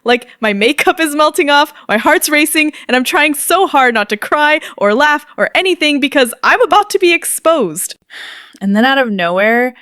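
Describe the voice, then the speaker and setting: A woman's voice: on the high side, fairly bright tone, no room sound, clean studio sound. A young woman telling a story to her viewers in a chatty, dramatic vlog style, laughing often and using casual slang. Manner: slangy, addresses viewers directly. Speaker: storytime narrator.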